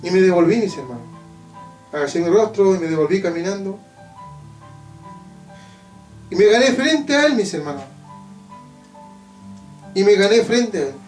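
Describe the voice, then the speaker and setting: A very high-pitched man with a Chilean Spanish accent preaches, stretching out his phrases and returning again and again to the same refrain. He is heard from some distance in an echoey church hall. A faint guitar plays underneath. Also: animated, darkish tone. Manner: preaching with drawn-out, emphatic phrases and repeated refrains. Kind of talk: evangelical sermon testimony. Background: faint guitar playing.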